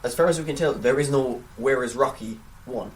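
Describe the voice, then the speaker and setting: On a laid-back podcast about films, this co-host fumbles toward his points, hesitating and repeating words as he goes. He has a mid-range male voice and talks a bit fast, picked up slightly distant from the mic.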